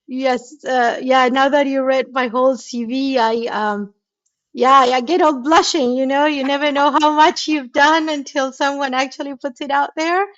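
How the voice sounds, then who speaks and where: Woman guest from Argentina, high voice, friendly and self-deprecating, slightly dull audio. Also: steady tone, moderate pace, fairly bright tone. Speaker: guest, tech founder. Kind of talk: podcast interview.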